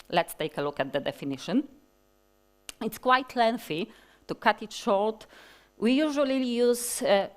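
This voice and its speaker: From the stage of a large hall, a woman in her forties with a Polish accent gives a technical conference talk in a medium-pitched voice. Her delivery is slow and deliberate, punctuated by many fillers and restarts.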